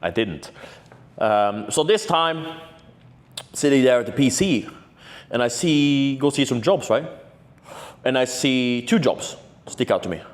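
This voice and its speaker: A man's voice: medium pitch, lively intonation, measured pace, long pauses. Brash, cursing young man. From Norway. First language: Norwegian. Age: 20s. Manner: brash, boastful and profane, full of "right?" tags. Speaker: vlogger. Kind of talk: casual storytelling vlog.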